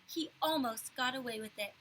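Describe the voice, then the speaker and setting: A woman's voice: on the high side, normal speed, pushed and bright, slight background noise, low-quality recording. A woman voicing an exasperated preteen older brother who speaks in a sarcastic, matter-of-fact way.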